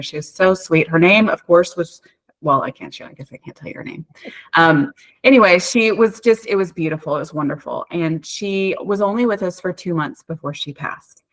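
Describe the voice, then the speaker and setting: Low-voiced woman telling a heartfelt story. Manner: emotional, warm storytelling with frequent fillers and restarts. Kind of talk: conversational interview storytelling.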